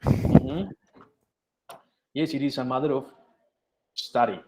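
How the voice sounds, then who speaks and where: A male teacher runs an English lesson over a video call. He talks slowly and patiently, with a mid-range voice. He switches between English and Spanish as he explains. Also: medium pitch, a little mellow, slight background noise. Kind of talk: online class, bilingual teaching. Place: video conference.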